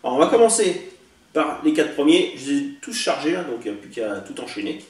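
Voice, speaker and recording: A man's voice: fairly high pitch, big pitch swings, brisk. A man casually showing off toy blasters he bought, chatty and hesitant with many fillers, recorded indoors on a camera mic. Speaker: toy collector vlogger. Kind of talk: casual show-and-tell demo. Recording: echoey room, distant mic, faint hiss.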